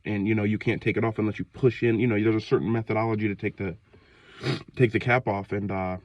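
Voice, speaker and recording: A man's voice: fairly low pitch, fairly even intonation, fast talker, no room sound, dull audio. Sick young man rambling in a casual rant. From Ohio, United States. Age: 20s. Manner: rambling, loose, slangy, many fillers and restarts. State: sick, short of breath, coughing. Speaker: vlogger. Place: outdoors in freezing cold.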